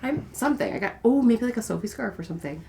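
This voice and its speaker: Woman, forties, podcast co-host; playful, giggly, lively pitch. Casual chat. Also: quick pace, gravelly, slight background noise.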